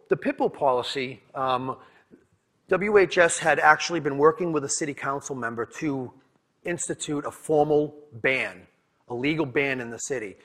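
Speaking in a fairly bright voice on the high side, a Boston-accented man from New England presents at a conference. He tells it candidly like a story in a conference room, often repeating words and starting them over.

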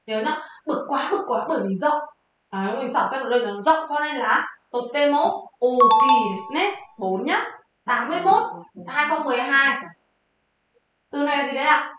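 A woman teaching Japanese vocabulary for an exam, quizzing her viewers and answering her own questions in a lively way. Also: sits high, normal speed, noisy background. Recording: very echoey room.

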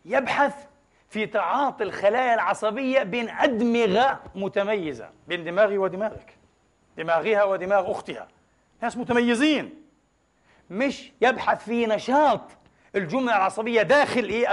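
A man preaching a Friday sermon. He asks the congregation many rhetorical questions and mixes formal with colloquial dialect and foreign words. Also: high-pitched.

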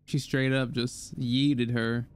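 A man's voice: medium pitch, little pitch movement, slow, clear, resonant tone. A young man bantering casually during a co-op game, bossy and teasing, full of slang. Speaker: gamer in co-op let's play.

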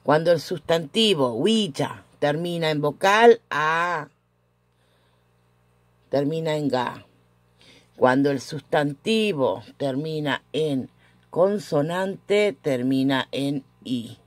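A woman teaching a casual language lesson at home, patiently repeating each example with frequent "eh" pauses. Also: deep voice, lively intonation, no echo.

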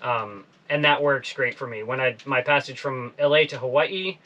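A man in his forties hosting a casual interview in a small boat cabin, talking in a relaxed, laid-back way. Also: mid-range voice, normal speed, muffled recording. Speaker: podcast host.

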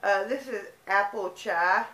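Woman with a lisp, young adult, slow easygoing haul chat, echoey room. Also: medium pitch, a bit bright. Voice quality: lisp and speech impediment. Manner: chatty, easygoing, unhurried show-and-tell. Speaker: vlogger. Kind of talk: casual shopping haul chat.

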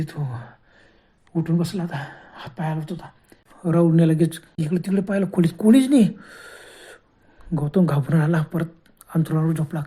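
A woman's voice: lowish voice, warm tone, slightly rough. A woman narrating a horror story with a dramatic, repetitive telling.

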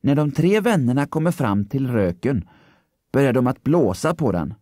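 A man narrating a children's story, expressive and storytelling. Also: mid-range voice, no echo, studio quality.

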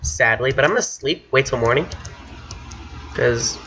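A man's voice: mid-range voice, normal speed, sharp tone, slightly rough. A man giving casual, rambling commentary to himself while playing a video game, now and then boasting. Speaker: gamer. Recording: dull lo-fi mic with faint hiss.

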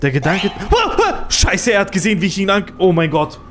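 A male streamer giving excitable, jumpy commentary on a horror game, swearing when scared. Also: sits high, brisk, faint music behind.

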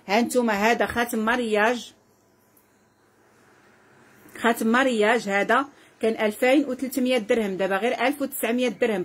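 Woman, Moroccan accent, live sales host, fast, husky, effusive. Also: a little high. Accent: Moroccan Arabic. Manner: effusive, repetitive, calls out prices and blessings to viewers.

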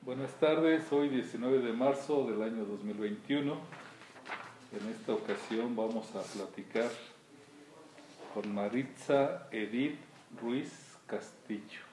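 A man hosting a cultural interview, asking short questions and answering with steady acknowledgments. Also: medium pitch, slow, echoey room, background noise. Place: small art-filled room indoors.

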